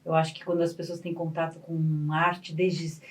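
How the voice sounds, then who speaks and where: A middle-aged woman with a Brazilian Portuguese accent, a clown and actress guesting on a radio show, telling stories in a lively way and acting out the dialogue with big pitch swings. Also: moderate pace. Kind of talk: lively anecdotal storytelling on a radio talk show. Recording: distant mic in a radio studio.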